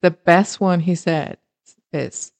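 A woman's voice: on the low side, slow, vocal fry, a little mellow, no echo. Chatty woman podcast co-host. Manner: chatty, laughs often. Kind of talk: casual chat.

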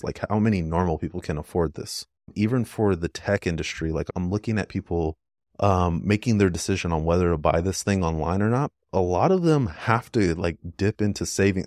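A man's voice: sits low, no room sound, clean studio sound. A man speaking as a podcast guest and app developer, talking casually and rambling with frequent "like" fillers.

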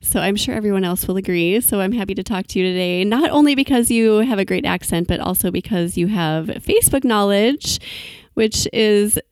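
An upbeat woman hosts a podcast interview at an even, middle pitch. Her voice sits close and dry on the mic, with no room sound around it. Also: moderate pace, dry recording. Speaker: podcast host.

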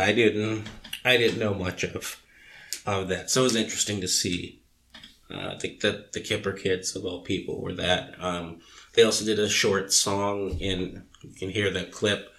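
A man's voice: sits low, fairly even intonation, a little slow, vocal fry, fairly bright tone. Rambling man in casual podcast chat. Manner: rambling, many fillers. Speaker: podcast co-host.

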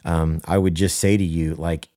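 Man, deep voice, relaxed dark timbre, earnest worship leader, podcast co-host, emphatic repetition. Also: normal speed, dry recording, clean studio sound. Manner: earnest and emphatic, repeats key phrases for stress. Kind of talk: casual podcast conversation.

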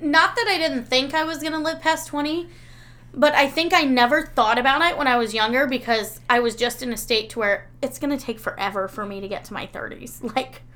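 A woman's voice: high voice, fairly quick, fairly bright tone. A woman in her thirties co-hosting a casual podcast chat, candid and self-mocking, swearing freely. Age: 30s. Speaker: podcast co-host.

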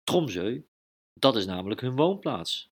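A man voicing a calm, thoughtful male mouse superhero in a children's story, muttering and pondering in a lower, quieter tone. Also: a little slow, slightly rough, full character voice. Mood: musing.

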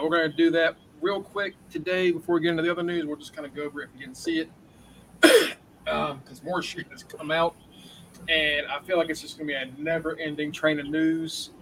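Male producer-co-host, fairly high voice, casual halting recap, slight background noise. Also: a bit bright, rough recording.

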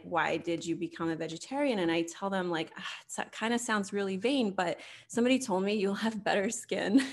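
A woman in her thirties from Slovakia, a podcast host and health coach, chatting casually in an interview with lots of filler words. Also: mid-range voice. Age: 30s. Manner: chatty, many fillers like "like" and "you know".

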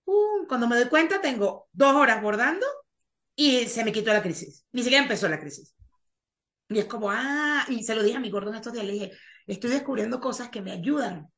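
High-voiced woman guest on a podcast, chatty and animated, casual interview talk. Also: brisk. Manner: animated, chatty, trails off into soft asides.

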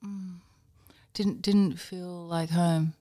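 A woman from Northern Ireland, a designer guest on a podcast, speaking softly and hesitantly, her sentences often trailing off. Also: lowish voice, fairly even intonation, very slow. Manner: soft-spoken, hesitant, trailing off. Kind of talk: podcast interview chat.

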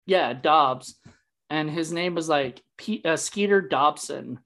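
A man recapping a film in relaxed conversation, talking in loose, meandering sentences full of fillers. He keeps breaking into laughter as he retells his favorite lines. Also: fairly high pitch, slow. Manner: rambling, many fillers, laughs at the jokes he retells. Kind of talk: casual chat recapping a movie.

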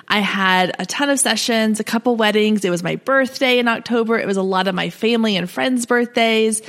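A woman talks casually as a solo podcast host. Her voice sits at a middle pitch and is scratchy and prone to cracking from a sore throat. She is chatty, upbeat and informal, speaking straight to her listeners. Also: a bit bright. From Texas, US South.

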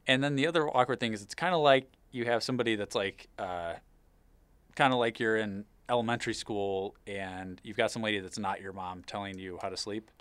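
A man with a lowish, congested voice chats as a podcast host. He sounds nasal, as though his nose is packed and swollen after surgery. He tells personal stories casually, and the sound is dry with no room echo. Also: a little fast, fairly bright tone, clean tone. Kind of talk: casual chat, personal anecdote.

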